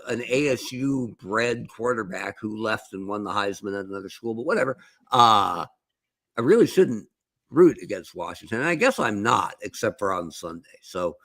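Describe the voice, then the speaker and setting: A wry man co-hosting a casual podcast, his low voice gravelly with fry. His pitch swings widely as he jokes. The sound is dry and close. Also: a bit bright, dry recording. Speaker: podcast co-host.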